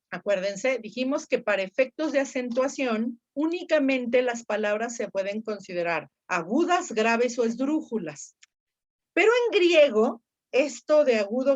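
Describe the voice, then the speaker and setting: A woman's voice: fairly high pitch, lo-fi sound. A woman teaching Ancient Greek grammar, explaining patiently step by step and quizzing her students. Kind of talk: online grammar lesson.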